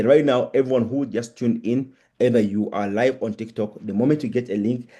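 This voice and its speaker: A man giving a live sales pitch as an emphatic crypto-bro promoter, often stammering and repeating words for emphasis. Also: dark tone, breathy edge. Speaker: crypto promoter presenting on a live Zoom call. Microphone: online video call.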